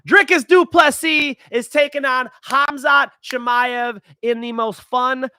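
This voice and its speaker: A young man hosting a fight predictions show, talking in a rambling, excitable way and swearing freely. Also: extremely high pitch, slow, smooth, dry recording, clean studio sound. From California. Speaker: host.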